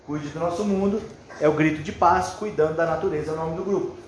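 Fast and fairly high-pitched, this man's voice has a Brazilian accent. He is a workshop leader for schoolchildren, encouraging the class the way a kindergarten teacher might, with simple instructions and checking questions. The audio is from a roomy indoor classroom, with echo and faint noise behind him.

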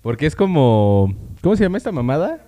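Young man, Mexican accent, live co-host, very animated pitch, jokey, swears freely. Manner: joking, swears freely, quick interjections. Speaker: podcast co-host. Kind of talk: casual live-stream chat.

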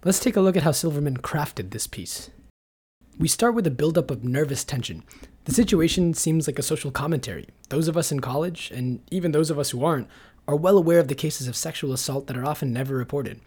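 A man with a husky, slightly high voice reads a scripted explainer. He talks in a measured, analytical way, like he is walking through an argument. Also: a little mellow. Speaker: video essay narrator. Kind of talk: scripted narration.

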